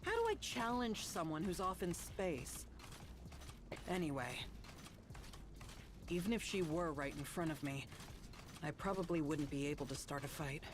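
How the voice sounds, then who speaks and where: A blunt, weary fighter. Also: female voice, low voice, a little slow, pauses often, background noise. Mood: cold. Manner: curt, dismissive, flat. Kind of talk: video game voice acting.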